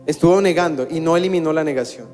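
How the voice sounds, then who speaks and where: A man's voice: fairly high pitch, fast, darkish tone. A man preaching a sermon as pastor, conversational, with wry humor. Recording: long church-hall reverb with faint music.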